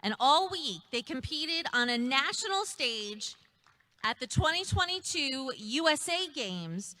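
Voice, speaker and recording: Bright-voiced, energetic woman emcee. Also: high voice, a little slow. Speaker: ceremony emcee. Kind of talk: upbeat event hosting.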